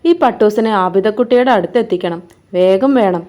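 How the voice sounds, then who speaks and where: A woman voicing a kindly moon uncle who speaks with affection and gentle teasing, in a read-aloud storybook. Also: mid-range voice, a little fast, natural voice. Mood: affectionate.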